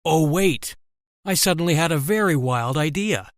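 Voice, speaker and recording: A man's voice: a little high, very animated, normal speed, a bit bright, no echo, studio quality. A man voicing a sneering villain. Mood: taunting. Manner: sarcastic, taunting. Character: sneering villainous middle-aged male captor. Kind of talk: animated story voice-over.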